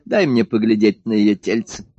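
A man's voice: fairly low pitch, mellow, dry recording. A man playing a leering self-styled emperor. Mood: grandiose, leering. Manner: leering, exalted, drawn-out slow speech. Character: boisterous grandiose madman calling himself emperor, male. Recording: dull dry lo-fi studio recording.

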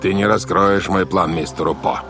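A man's voice: low voice, steady tone, normal speed, a bit bright, faint music behind. A man voicing a sinister scheming sea captain who speaks in a cold, sneering, menacing way.

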